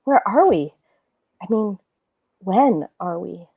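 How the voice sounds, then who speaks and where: A woman voicing a quick, questioning young witch in a fan voice-acting read-through, with a lightly joking manner. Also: medium pitch, animated, slightly rough, phone-quality sound, exaggerated voice.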